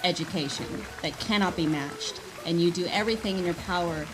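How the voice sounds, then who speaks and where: A woman's voice: on the low side, brisk, poor audio. A woman graduate giving heartfelt thanks to her school community. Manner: grateful, heartfelt.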